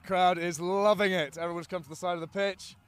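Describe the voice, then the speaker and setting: A young man doing chatty live rugby commentary from beside the pitch, laughing often as he talks. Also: steady tone, fast talker, smooth.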